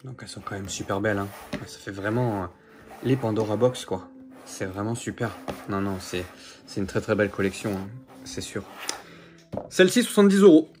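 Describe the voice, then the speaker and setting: A man with a fairly low voice, lively intonation, and normal speed chats over background noise. Casually showing his figure collection to camera, he rambles through the unboxing with many fillers and repeats.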